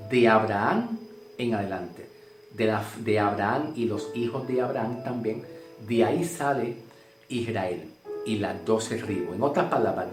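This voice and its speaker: A man from Puerto Rico with a Puerto Rican accent, preaching a sermon, emphatic and repetitive, often checking in with "ok?". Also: medium pitch. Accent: Puerto Rican Spanish. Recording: roomy sound with faint guitar music.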